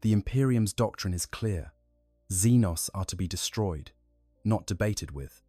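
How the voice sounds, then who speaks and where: A man giving measured, scripted story narration. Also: fairly low pitch, animated, dark tone, breathy edge, dry recording. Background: faint music.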